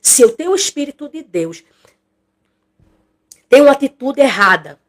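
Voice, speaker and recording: A woman's voice: high-pitched, sing-song, moderate pace. Woman teaching a Bible study. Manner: conversational, repeats phrases, acts out quoted people. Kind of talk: expository Bible study livestream.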